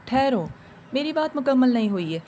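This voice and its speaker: A taunting, vengeful young jinn bride from a spoken horror story, as a woman storyteller puts her on. Her voice sits a little high and carries a menacing edge, with faint noise under it. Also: sing-song, mellow.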